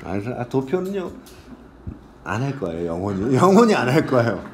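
A man teaches English to a class in a casual lecture, slowly reading lines aloud and translating them. He's blunt and crude, swearing and joking with his students, in a medium-pitched, very animated voice.

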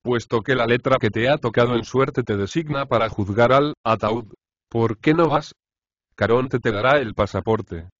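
A man's voice: medium pitch, moderate pace, fairly bright tone, no room sound, dull audio, close to an everyday voice. A man voicing a brash, mocking male house slave in an audiobook of a comic play. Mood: taunting. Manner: cheeky, taunting.

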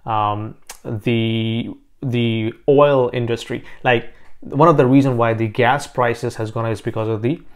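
A man in his thirties talks through the housing market to camera, in a mid-pitched voice. He is casual and thoughtful and often pauses on fillers and restarts. The sound is close and clean from a lapel mic in a small home office. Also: steady tone. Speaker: realtor and finance vlogger.

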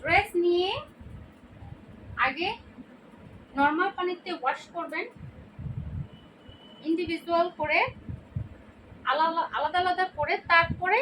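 A woman's voice: very high voice, fairly even intonation, a little slow, long pauses, pushed and bright. A Bangladeshi woman with a Bengali accent casually showing off dresses for sale online, chatty and repeating prices and colors. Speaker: online clothing seller. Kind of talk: casual product showcase. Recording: distant mic with noisy background.

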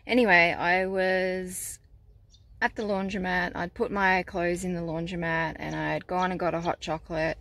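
A woman's voice: lowish voice, flat delivery, moderate pace, fairly bright tone, dry recording. A woman in her forties chatting to a phone at arm's length inside a small camper van, telling rambling stories with lots of fillers, tired and nursing a headache. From Australia. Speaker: van life vlogger. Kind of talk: casual vlog chat to camera. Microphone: phone held at arm's length.

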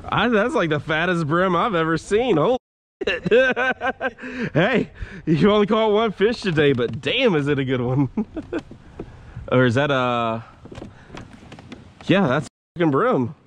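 Fairly high-pitched and measured, with long pauses, this man chats casually through a fishing trip from his kayak on a swampy creek. He's filming on a head-mounted action camera, relaxed and talkative, swearing freely as he narrates.

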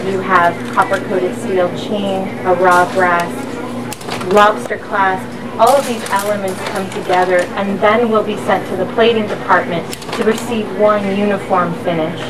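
A woman with a medium-pitched, fairly even voice guides a tour of a busy factory floor, explaining things step by step at a measured pace. The mic sits somewhat distant, and machinery and workshop noise fill the background.

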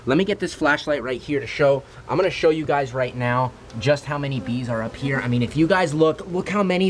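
A young man hosting a vlog outdoors beside beehives, talking excitedly and emphatically to camera in a casual style. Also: on the high side. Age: young adult. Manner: exclaiming, emphatic, repeats superlatives. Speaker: vlog host. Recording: noisy outdoor camera audio.

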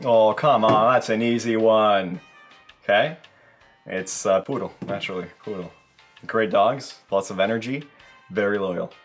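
A man's voice: on the low side, unhurried, soft background music. A young man co-hosting a casual beer review at a home bar, joking and laughing often. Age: young adult. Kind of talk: casual chat.

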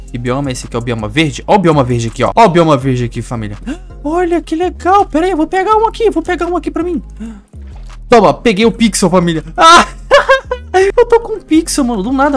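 A man with a Brazilian Portuguese accent giving excitable, playful gameplay commentary. He repeats catchphrases and swings between loud squeals and low mutters. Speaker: gaming YouTuber.

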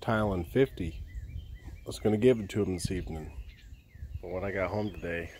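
A man in his thirties vlogging outdoors in a rural backyard, talking in a subdued, halting way with frequent pauses, into a phone held at arm's length. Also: deep voice, noisy background. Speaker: homestead vlogger. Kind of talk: casual vlog talk. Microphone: phone camera held at arm's length.

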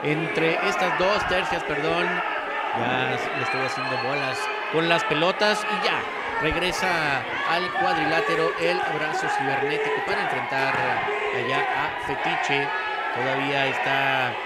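A man's voice: fairly high pitch, a little slow. Male wrestling commentator amid heavy crowd noise. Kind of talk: live lucha libre play-by-play. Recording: loud crowd, very noisy event audio. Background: loud crowd at a match.

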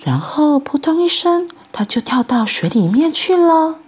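Woman storyteller, Taiwanese Mandarin accent, sing-song children's reading with wide pitch swings. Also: unhurried, soft background music. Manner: animated, speaking to children.

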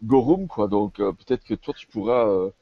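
A man's voice: lowish voice, lively intonation, moderate pace, dry recording, highs cut off. A man playing his character in a tabletop game over an online call, stammering and repeating himself. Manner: stammering, many repetitions. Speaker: player. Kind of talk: tabletop role-play.

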